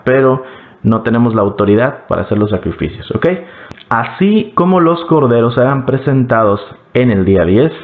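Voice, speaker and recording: Man teaching scripture over tinny audio. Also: mid-range voice. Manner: explanatory, addresses the listener directly. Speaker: Bible teacher. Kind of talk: teaching a Bible lesson. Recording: phone-like narrow band.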